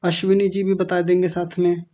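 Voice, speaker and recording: A man's voice: high-pitched, completely flat delivery. Patient male teacher, dull recording. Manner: patient and gentle, repeats sounds slowly for children. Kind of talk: classroom pronunciation lesson.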